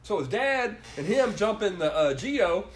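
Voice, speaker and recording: Lively high-voiced man telling a rambling story. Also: moderate pace, slight background noise. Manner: rambling, profane, laughing as he tells it. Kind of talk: casual chat.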